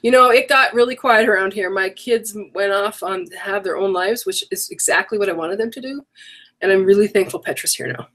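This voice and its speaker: A middle-aged woman with a mid-range, fairly bright voice speaks a little fast while hosting an online craft workshop. Chatty and rambling, she corrects herself along the way in this casual live-stream, her voice worn from a coming cold.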